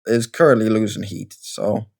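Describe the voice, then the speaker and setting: A man's voice: on the low side, moderate pace, vocal fry, a little mellow. A man with a Geordie accent giving casual, rambling let's-play commentary in a chatty, self-deprecating way. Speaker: gaming video creator.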